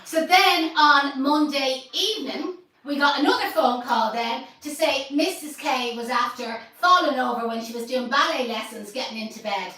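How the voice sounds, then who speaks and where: A woman's voice: high voice, normal speed, sharp tone, very echoey, distant mic, low-quality recording. An Irish woman hosting a casual live stream, chatty and joking, laughing often. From Ireland. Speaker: host.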